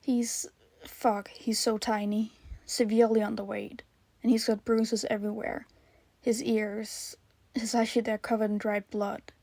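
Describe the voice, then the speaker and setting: A woman voicing a gruff, tired man who is an underground hero, speaking bluntly and swearing. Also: mid-range voice, little pitch movement, a little slow, warm tone, dry recording. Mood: grim.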